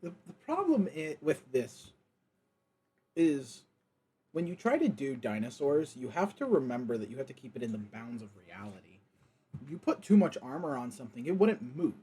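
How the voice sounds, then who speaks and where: A man's voice: mid-range voice, big pitch swings, moderate pace, dark tone, husky. A young man chatting casually on a gaming livestream, thinking aloud with lots of fillers as he reviews a viewer's creation.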